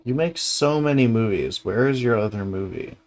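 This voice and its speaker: A man's voice: mid-range voice, expressive, normal speed, a little mellow. A man chatting casually and thinking aloud as he hosts, hesitant and muttering, with some swearing. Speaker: livestream host reacting to videos.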